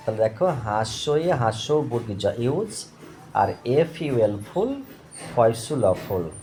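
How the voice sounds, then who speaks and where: A man's voice: medium pitch, dark tone. A man teaching English grammar to students, spelling out words and often checking "okay?". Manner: slow, repeats and spells out words, asks "okay?". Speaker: English tutor.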